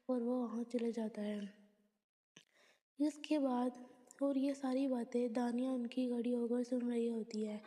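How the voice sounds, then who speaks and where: A woman retelling the plot of a TV drama episode scene by scene, reading the characters' lines in a plain recounting way. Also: fairly high pitch. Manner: plain recounting with quoted lines read flatly. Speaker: drama episode recap narrator. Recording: long hall reverb.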